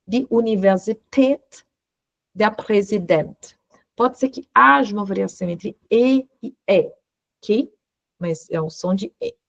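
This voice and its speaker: A woman's voice: mid-range voice, vocal fry, no room sound, lo-fi sound. A woman teaching an online lesson, explaining patiently and checking in with short questions. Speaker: law teacher giving a German course.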